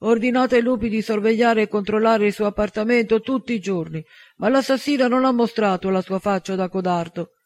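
A man's voice: high voice, brisk, close to an everyday voice. A man voicing a firm, protective man who commands wolves, in an audiobook. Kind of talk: audiobook dialogue.

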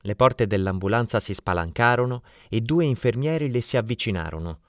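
A man narrating a story in an expressive, dramatic reading. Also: mid-range voice, a little fast, no room sound, studio quality. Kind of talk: audiobook narration.

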